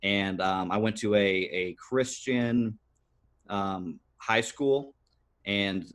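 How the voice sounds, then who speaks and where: A man's voice: fairly low pitch, slow pace, a bit bright. A man in his thirties, a podcast guest, telling his life story earnestly, with many fillers and restarts. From United States. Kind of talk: personal storytelling interview.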